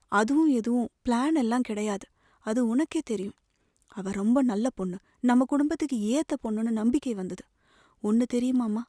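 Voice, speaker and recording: A woman's voice: fairly high pitch, warm tone, dry recording, clean studio sound, lightly acted. A woman reading the part of a young man, a tender, protective elder brother pleading earnestly. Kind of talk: audiobook novel reading.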